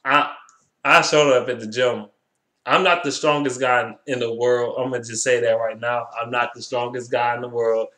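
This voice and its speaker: An American vlogger in his twenties talks casually to camera in slangy, profanity-heavy speech, often repeating himself. His voice is medium-pitched, steady, pushed and bright, at a moderate pace. He's in a small, bare, echoey indoor room, picked up by a webcam microphone at arm's length.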